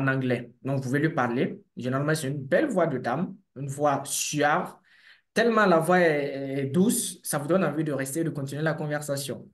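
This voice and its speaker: A man, a developer and business owner, giving a lively conference talk and speaking straight to his audience while sharing his screen. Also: on the high side, roomy sound. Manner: animated, conversational, addresses audience directly.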